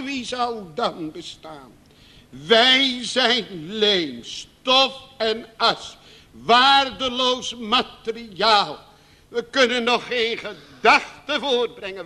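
A man preaching a sermon to his congregation, slow and emphatic, with dramatic repetitions. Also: very high-pitched, pushed and bright.

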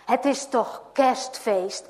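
A busy, good-natured farmer, brisk and friendly, as a woman puts him on, in a rather high voice. A long hall echo trails each phrase. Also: darkish tone. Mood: coaxing. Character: busy, cheerful middle-aged male farmer.

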